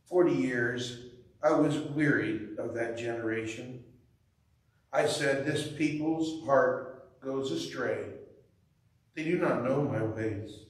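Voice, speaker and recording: A man serving as lector, reading scripture at Mass in a slow, solemn way, heard with cathedral echo. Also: mid-range voice. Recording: echoey church, mic far off.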